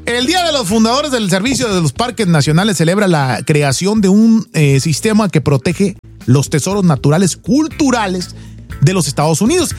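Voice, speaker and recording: A man's voice: sits high, big pitch swings, normal speed, soft background music. A man with a northern Mexican accent hosting a radio show in playful, informal banter full of colloquial slang.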